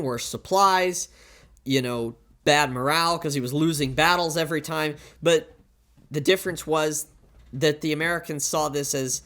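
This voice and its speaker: A man with a high-pitched, fairly bright voice delivers a sermon into a pulpit microphone. He speaks plainly and conversationally, posing rhetorical questions and repeating his warnings for emphasis.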